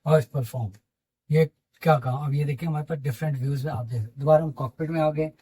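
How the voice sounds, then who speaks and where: A man's voice: fairly high pitch, fairly even intonation, a little fast, mellow, breathy edge, low-quality recording. A man with a Pakistani accent, a flight simulator instructor explaining the cockpit instruments, mixing English aviation terms into his talk.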